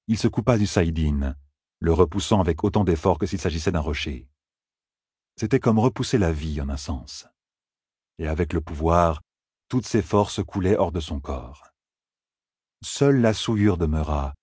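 A man narrating a fantasy audiobook in a measured storytelling voice. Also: low voice, a little mellow, breathy edge, no room sound, clean studio sound. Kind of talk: scripted narration.

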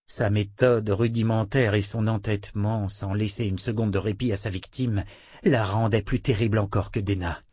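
A man's voice: steady tone, normal speed, mellow, dry recording. A man narrating an audiobook, reading every part himself and lifting his voice for the women. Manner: reads all parts, lifting pitch for the women's lines.

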